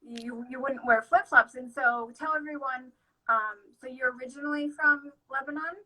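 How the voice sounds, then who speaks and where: A woman who runs a shop hosts a relaxed chat, bubbling with enthusiasm and filling pauses with "um." Her voice is bright and forceful, set a little high. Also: low-quality recording. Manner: enthusiastic, with many fillers. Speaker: shop owner and host. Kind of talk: casual interview chat.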